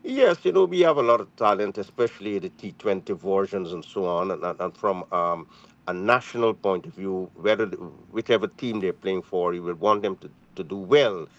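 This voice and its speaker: A man's voice: deep voice, normal speed. A man from Guyana giving a radio cricket report in a conversational, chatty way. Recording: dull lo-fi radio audio.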